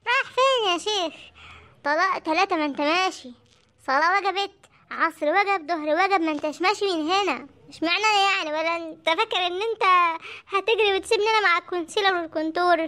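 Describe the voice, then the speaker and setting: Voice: very high-pitched, quick pace, sharp tone. A voice actor playing a frightened young husband in a comic cartoon, with an Egyptian accent and a whiny, panicky manner. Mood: insistent. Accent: Egyptian Arabic.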